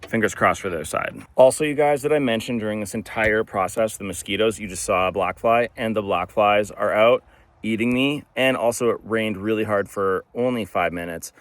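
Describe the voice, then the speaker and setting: A man's voice: fairly low pitch, fairly quick, no room sound. A man chatting to viewers in a casual how-to vlog, grumbling with humor while he works outdoors, recorded on a handheld phone. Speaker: DIY vlogger. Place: outdoors on wet grass beside a pickup truck.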